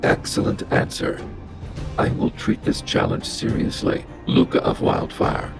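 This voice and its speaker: With loud music behind him, the actor plays the gravelly robot boss unhurriedly and lightly acted, his male voice impassive and formal as he speaks in terse, machine-like lines befitting the giant, stern, logical character.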